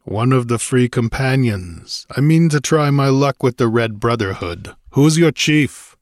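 A man's voice: medium pitch, expressive, a little slow, dry recording, studio quality, pitched above the performer's own voice. A man voicing a tall, fierce barbarian warrior who talks with challenging scorn. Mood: defiant. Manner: challenging, sneering.

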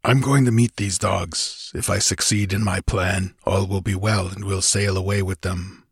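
A man's voice: sits low, fairly even intonation, normal speed, gravelly, slightly rough, no room sound, clean studio sound, exaggerated voice. A man voicing a tall, fierce barbarian warrior who talks with challenging scorn. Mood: grave. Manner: challenging, sneering.

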